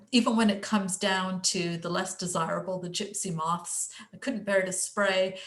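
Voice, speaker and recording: A woman's voice: on the low side, fairly bright tone. Chatty English woman on a video call. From England. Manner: chatty, self-deprecating, with fillers. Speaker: guest speaker presenting her garden. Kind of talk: casual presentation on a video call.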